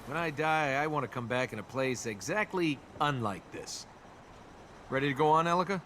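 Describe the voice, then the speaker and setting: Flippant sarcasm defines this American-accented actor's take on a young male adventurer leading a video game. He speaks at normal speed with a medium pitch and lively intonation, and the game audio is buried under heavy ambient noise.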